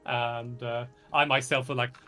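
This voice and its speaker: A man's voice: mid-range voice, flat delivery, unhurried, bright, forceful tone, soft background music. A man improvising narration as game master, hesitant and often searching for words.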